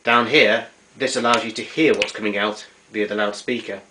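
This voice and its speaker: Speaking in a lowish, steady voice that sounds pushed and bright, a man walks through his vintage tape recorders at a moderate pace. It's an unscripted, matter-of-fact collector's demo filmed indoors in a kitchen, with noisy amateur camera sound.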